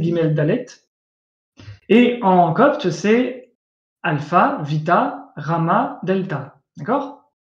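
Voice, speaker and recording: Slow-spoken man teaching an online class. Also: sits high. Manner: patient, repetitive, often checks understanding with asides. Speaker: Coptic language teacher. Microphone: video call. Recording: echoey room, dull lo-fi sound.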